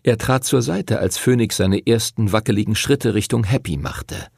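A man narrating a fantasy audiobook in an expressive storytelling manner. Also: fairly low pitch, normal speed, vocal fry, husky, no room sound, clean studio sound.

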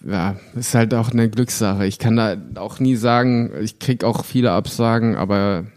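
Young male actor, lowish voice, loose and rambling, lots of fillers. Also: moderate pace. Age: 20s. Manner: relaxed, rambling with many fillers and restarts. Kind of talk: casual interview chat.

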